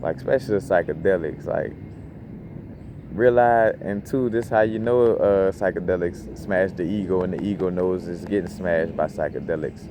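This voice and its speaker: Deep-voiced man, loose slangy spiritual talk. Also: normal speed. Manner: loose, rambling, slangy, lots of "you know what I'm saying". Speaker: crystal channel host. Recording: noisy background hum.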